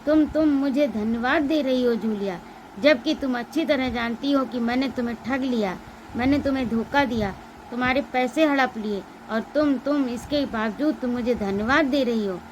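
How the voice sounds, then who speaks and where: A woman's voice: on the high side, unhurried, slight background noise, lightly acted, poor audio. A woman reading aloud as a stingy, scolding male employer in a one-act play. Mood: stern. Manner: stern, accusing, shouting in anger.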